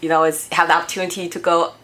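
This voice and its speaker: A woman in her forties from Taiwan, not an English speaker, talks as a guest in a casual interview chat; she is a robotics education director. Her lowish voice is sharp in tone, rapid-fire, with little pitch movement, and she comes across friendly yet hesitant with many fillers. The recording is low quality.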